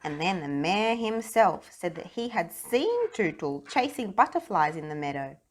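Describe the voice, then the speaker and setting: A woman reading a children's story aloud in an expressive narrating style. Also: lowish voice, normal speed. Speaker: storybook reader.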